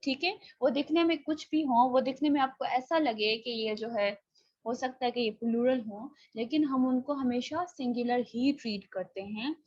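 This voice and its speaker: A woman's voice: high-pitched, moderate pace, darkish tone, no room sound, highs cut off. A woman with a Pakistani accent teaching an online English grammar class, explaining patiently and mixing in English phrases.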